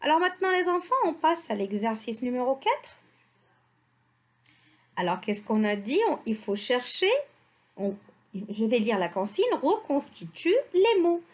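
A woman teacher slowly reading words and syllables aloud for young children. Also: a little high, very animated, dull audio. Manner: slow, syllable-by-syllable, sing-song teacher voice.

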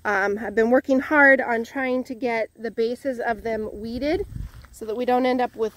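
A woman's voice: fairly high pitch, steady tone, a little slow, fairly bright tone. A woman from Northwest Illinois giving a casual, cheerful tour of her vegetable garden outdoors, a little out of breath and talking while walking. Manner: cheerful, thankful, chatty with many restarts. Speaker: home gardener vlogger.

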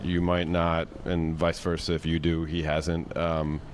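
A male sports reporter asking measured, methodical questions at a press conference. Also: low-pitched, completely flat delivery, slight background noise.

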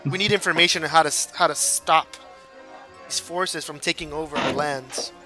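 A man's voice: fairly high pitch, fairly even intonation, moderate pace, over loud music. A man playing a tabletop game, chatting casually and in character, often stumbling and repeating words. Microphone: online group video call.

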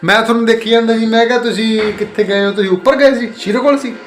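In this relaxed family vlog, a young dad chats with his children about the day, coaxing and doting on them while regularly checking they're on board. He talks quickly, his high voice holding a steady tone.

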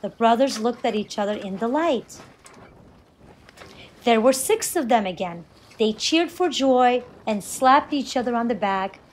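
A woman's voice: a little high, rough recording. A woman volunteer reading a children's picture book aloud with expression. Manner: expressive, slow read-aloud.

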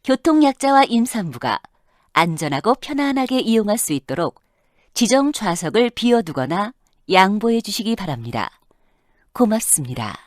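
A woman's voice: medium pitch, very animated, normal speed, a little mellow, no echo, studio quality. A woman giving a recorded subway train announcement, formal, polite and evenly paced.

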